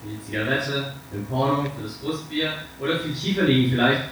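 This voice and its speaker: A man's voice: medium pitch, a little fast, fairly bright tone, far from the mic, slight background noise. Earnest man preaching in a big echoey hall. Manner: earnest storytelling. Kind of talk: sermon with book reading.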